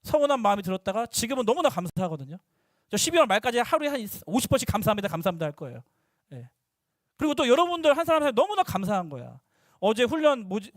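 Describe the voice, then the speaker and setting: A young male youth pastor preaching to middle schoolers, lively and teasing, slipping into casual talk with the teens. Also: high voice, no room sound, clean studio sound.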